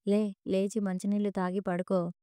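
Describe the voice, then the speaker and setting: A woman's voice: medium pitch, level tone, moderate pace, dark tone, smooth, no room sound, studio quality, close to an everyday voice. A woman voicing an impatient husband scolding his wife in a storybook reading. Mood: irritated. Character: irritated husband woken at night. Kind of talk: storybook narration.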